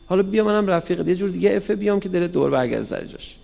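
A man giving an animated religious lecture as a cleric, acting out short dialogues. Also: high voice. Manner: animated, acts out dialogues with raised voice. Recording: gravelly voice in a reverberant hall.

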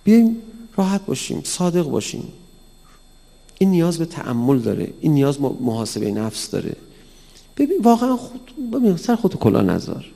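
Male cleric lecturing a live audience, gravelly, animated, long hall reverb. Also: medium pitch. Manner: animated, acts out dialogues with raised voice. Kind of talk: religious lecture on mysticism.

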